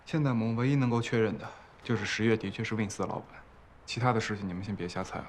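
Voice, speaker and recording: An actor playing a composed male company head who speaks calmly and reassures his staff. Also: fairly low pitch, slight background noise, natural voice. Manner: calm, measured and reassuring. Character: composed male boss, steady and loyal. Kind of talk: television drama acting.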